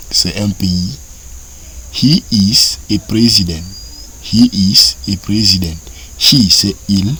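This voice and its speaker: A man with a Cameroonian French accent teaching English, repeating each word several times in a slow drilling cadence. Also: fairly low pitch, bright, forceful tone, breathy edge. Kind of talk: French-language vocabulary and grammar lesson.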